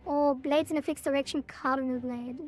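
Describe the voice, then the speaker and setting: Female gameplay commentator, high-pitched, casual, thinking out loud, faint music underneath. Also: fairly even intonation, a little fast. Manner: thinking aloud. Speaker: game streamer. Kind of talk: casual gameplay commentary, reading game text aloud.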